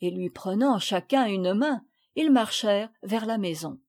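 A woman reading a children's novel aloud as audiobook narrator, telling the story gently and clearly. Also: mid-range voice, animated, a little slow. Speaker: audiobook reader.

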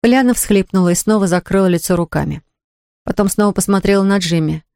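An audiobook narrator reading a novel in an even storytelling manner. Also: mid-range voice, quick pace, gravelly, smooth, no room sound, clean studio sound. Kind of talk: scripted narration.

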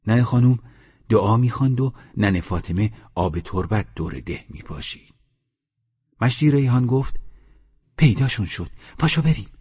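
A man's voice: lowish voice, expressive, long pauses, dark tone, slightly rough. A man narrating an audiobook of village stories, raising his voice for the villagers' lines. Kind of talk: storytelling audiobook reading. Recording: dull lo-fi recording.

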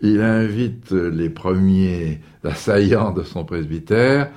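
Low-voiced man explaining history. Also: takes it slowly, darkish tone. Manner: explains patiently, with fillers. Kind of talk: explanatory documentary interview.

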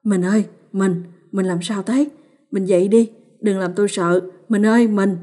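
A woman's voice: medium pitch, fairly even intonation, moderate pace, warm tone, close to an everyday voice. A woman reading the part of a frightened young village husband in a storybook ghost tale, pleading in a trembling, stammering way. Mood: panicked.

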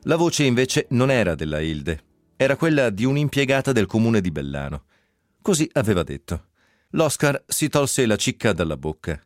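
A man giving an expressive reading of a novel excerpt on radio, with dry ironic asides. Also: medium pitch, moderate pace, no room sound, faint music behind. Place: radio studio.

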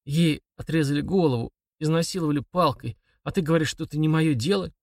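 Brief: man playing a distraught young son, shrill, choked and accusing, raised pitch, dry audiobook read. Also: fast talker, creaky, no echo.

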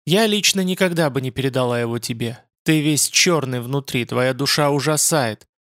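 A man's voice: mid-range voice, moderate pace, fairly bright tone, dry recording, studio quality, close to an everyday voice. A man voicing a grave, proud female spirit being who speaks in a solemn, reserved way.

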